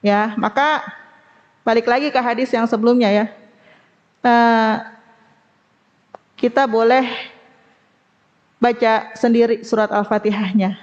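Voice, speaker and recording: A woman teaching Quran recitation to a study group, slowly demonstrating sounds and asking the class to repeat after her. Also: fairly high pitch, fairly even intonation, big-room sound, lo-fi sound. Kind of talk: women's study group lesson.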